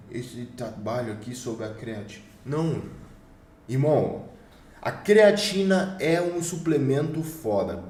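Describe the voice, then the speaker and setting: A man's voice: medium pitch, dark tone. A young Brazilian man with a Brazilian Portuguese accent giving a casual motivational lesson in an emphatic, slangy way that sometimes swears. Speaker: online course instructor. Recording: roomy echo, a bit far from the mic.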